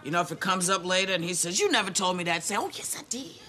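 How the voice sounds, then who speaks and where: Blunt, deadpan sitcom woman. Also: fairly low pitch, quick pace. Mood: gossipy. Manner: deadpan, wisecracking. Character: blunt, brash, hungover hotel-owning woman. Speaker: sitcom lead actress. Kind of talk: multi-camera sitcom acting. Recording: noisy TV soundtrack with loud studio audience.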